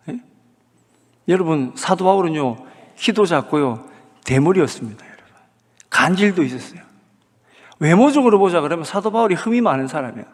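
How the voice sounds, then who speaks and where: A man preaching a sermon, with a high, lively voice that leaps up and down as he asks his listeners rhetorical questions. His voice rings with long reverb, the sound of a church sanctuary. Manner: animated, rhetorical questions to the congregation. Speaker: pastor. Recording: hall reverb.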